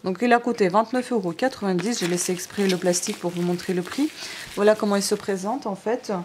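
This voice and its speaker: A woman's voice: medium pitch, fairly quick, darkish tone, a little hiss or hum. A woman vlogging a haul, hesitant, with many fillers and restarts as she talks viewers through each item. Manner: chatty, addresses viewers directly. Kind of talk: casual show-and-tell vlog. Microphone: DSLR camera on tripod.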